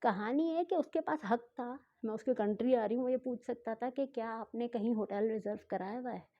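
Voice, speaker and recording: A woman telling a travel story in a casual vlog, chatty and often correcting herself, mixing in English phrases and speaking slowly on purpose. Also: on the high side, highs cut off. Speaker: travel vlogger.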